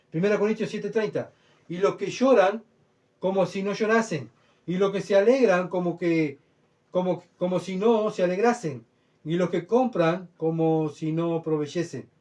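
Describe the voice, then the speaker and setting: A man preaching with earnest emphasis, his voice sitting a little higher than most men's. He swings between loud, pleading bursts and quiet asides, often checking that his listeners follow. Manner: earnest, emphatic, rhetorical questions. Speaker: pastor. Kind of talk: sermon.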